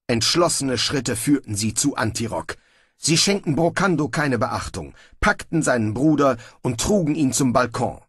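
A man giving scripted audiobook narration with lively storytelling. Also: medium pitch, moderate pace, husky, no echo, clean studio sound.

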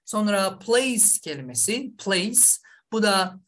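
An English teacher from Azerbaijan gives an online language lesson, drilling each word repeatedly and often checking in with "okay?" His voice is high, a bit bright, and animated, and he takes it slowly.

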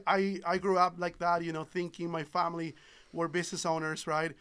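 A thirty-something Ecuadorian man, native in Spanish and the owner of a solar business, chats amiably as a podcast guest in a casual interview. He speaks briskly in a smooth, level, slightly bright voice on the high side, picked up by a boom-arm mic in a small padded studio.

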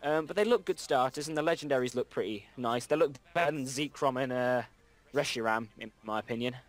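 Hosting a let's play, a young man chats and rambles in a medium-pitched voice at a fairly quick clip. He often restarts and corrects himself, and reads the game's dialogue aloud.

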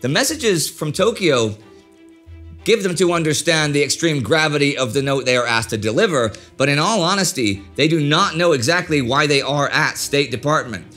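A man in his thirties hosting a history documentary, reading a script in a measured storytelling manner with direct asides. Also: a little high, animated, a bit bright, soft background music. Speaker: host. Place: indoor studio set with a desk.

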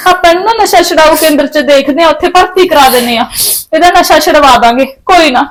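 A woman's voice: sits high, quick pace, rough recording. A middle-aged woman playing a worried mother who soothes and pleads with her family. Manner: soothing, pleading, tearful at times. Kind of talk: family short film acting.

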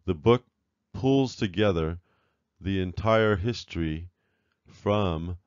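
Low, earnest man lecturing over slides. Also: darkish tone, smooth, no room sound, lo-fi sound. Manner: measured, earnest, with fillers and restarts. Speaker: author presenting his book. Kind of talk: slide-show lecture narration.

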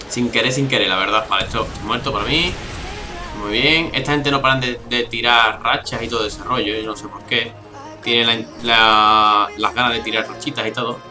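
A young Spanish man from Spain talks over his shooter gameplay, grumbling and swearing at campers. He keeps his voice low and restrained. Game music plays clearly behind him. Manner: chatty, exasperated, swears often; keeps voice down, not shouting. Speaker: gaming YouTuber. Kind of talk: gameplay commentary. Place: home room, early morning.

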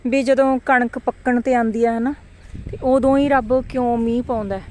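A woman chatting casually for a village vlog outdoors, animated and given to exclaiming and playful calling out. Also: on the high side, normal speed, a little hiss or hum. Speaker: village vlogger.

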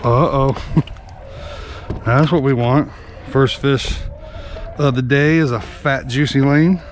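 This medium-pitched man speaks slowly while hosting a fishing vlog from an open boat at sea. He's a guide and channel host, calling the action excitedly as fish bite and he reels them in, captured on an action camera over engine and water noise.

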